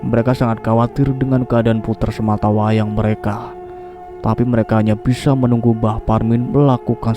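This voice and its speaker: A man narrating a horror story in a steady storytelling read. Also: medium pitch. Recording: voice over clear background music.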